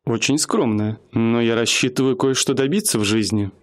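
In a radio play, an actor voices an earnest, humble young restaurant cashier who speaks eagerly and politely. His voice is medium-pitched and natural, at a moderate pace.

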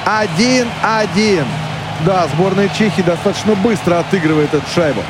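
High-voiced man doing halting hockey commentary. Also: over loud music. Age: middle-aged. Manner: halting play-by-play with drawn-out hesitation sounds. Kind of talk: live audio-described match commentary.

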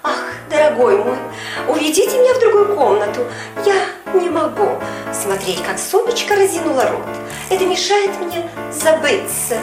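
A woman's voice: sits high, big pitch swings, moderate pace, pitched above the performer's own voice. A woman voicing a languid, melodramatic actress who swoons and sighs theatrically. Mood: swooning. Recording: echoey room with music behind.

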